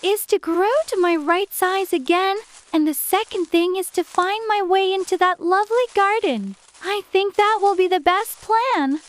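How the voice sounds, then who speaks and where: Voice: very high-pitched, measured pace, hardly any pauses, fairly bright tone, voice pushed up. A narrator voicing Alice, a curious and polite young girl who talks to herself in a prim, wondering way. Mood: musing. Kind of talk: dramatized audiobook reading.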